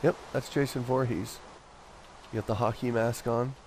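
A man, a father, chatting casually and upbeat on a voice call while leading his family through a video game, quick to joke. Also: medium pitch, fairly even intonation, darkish tone, slight background noise. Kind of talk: casual gaming chat.

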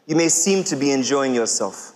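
A man in his thirties preaching a sermon to a large congregation, emphatic and full of rhetorical questions with drawn-out pauses. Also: medium pitch, lively intonation, darkish tone. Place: large church hall with congregation. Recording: long reverb of a big hall.

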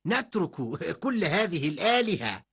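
A man voicing ancient townsmen in a cartoon, talking emphatically and with lively delivery. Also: sits high, normal speed, husky, full character voice. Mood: mocking. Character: ancient townsman, mocking then terrified.

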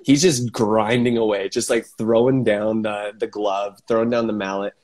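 A man's voice: lowish voice, fairly even intonation, normal speed, a little mellow. A man hosting a casual live interview, talking in a laid-back, enthusiastic way with lots of fillers. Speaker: podcast host.

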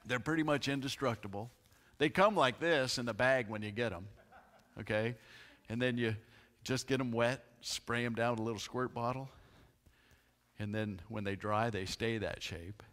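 A man's voice: mid-range voice, moderate pace. A middle-aged man giving church announcements in a chatty, laughing storytelling manner. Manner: chatty, animated storyteller who laughs often. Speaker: pastor. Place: church sanctuary. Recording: long hall reverb.

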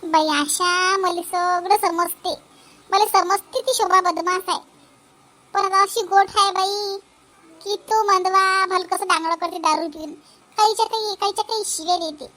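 A weary old mother-in-law from a comedy cartoon, played by a woman, explaining herself with resignation. She speaks in a very high voice. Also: fairly even intonation, normal speed, sharp tone. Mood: resigned.

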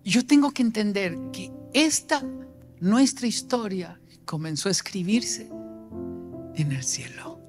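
A man in his sixties preaching a sermon with passion, swinging between loud emphasis and near-whispered lines. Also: sits high. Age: 60s.

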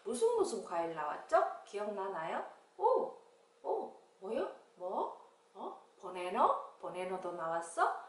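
Woman, children's English teacher, slow and very lively, sing-song, echoey room. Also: distant mic. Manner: sing-song, exaggerated pitch jumps for English words.

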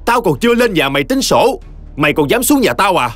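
A man's voice: high-pitched, sing-song, fairly quick, pitched above the performer's own voice. A hot-tempered older father, as a male narrator puts him on, roaring curses with a raised voice that leaps up and down. Faint music plays under him. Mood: furious. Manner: roaring, cursing.

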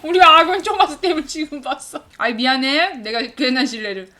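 Bright high-voiced woman streamer. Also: expressive, brisk. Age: 40s. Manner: high-energy, laughing, shouting at teammates. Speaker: game streamer. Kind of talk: excited live gameplay commentary.

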